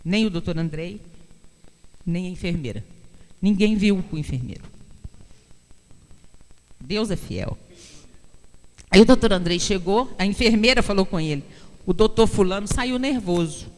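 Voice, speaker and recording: A woman's voice: lowish voice, animated, measured pace, pauses often, a little mellow. A woman giving an emotional testimony at a church service, acting out the people in her story. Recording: echoey hall, long reverb.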